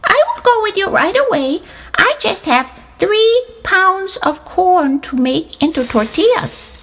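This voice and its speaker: A woman voicing a cheerful old grandmother beetle in a storybook trickster tale, with a thin, squeaky, sing-song voice. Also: very animated, a little slow, fairly bright tone, exaggerated voice. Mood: cheerful stalling.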